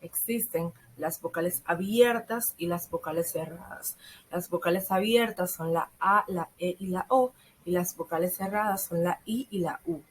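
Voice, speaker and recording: A teenage girl, a secondary school student, reading a school lesson aloud from a script and slowing down on the examples. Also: fairly low pitch, slight background noise, rough recording. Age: teens.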